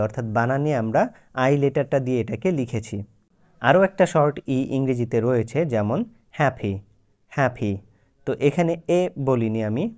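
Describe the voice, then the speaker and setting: A man's voice: medium pitch, mellow. A man teaching English pronunciation in a YouTube lesson, explaining patiently and drawing out his example words.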